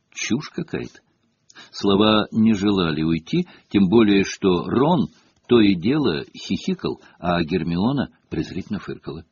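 A man narrating an audiobook with expressive storytelling. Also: fairly low pitch, breathy edge. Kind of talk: audiobook reading. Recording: dull lo-fi cassette audio.

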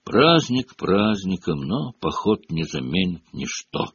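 Moody teenage boy, voiced by a man, low and flat-toned, husky. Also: takes it slowly, no echo, full character voice. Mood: glum. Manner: gloomy and listless. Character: glum teenage boy wizard. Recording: dull lo-fi audio.

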